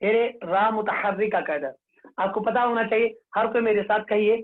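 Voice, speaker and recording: A man teaching an online Quran recitation class, slowly repeating rules and reciting examples for students to say after him. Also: high voice. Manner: slow, repetitive, drills rules and has students repeat. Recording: tinny phone-like online class audio.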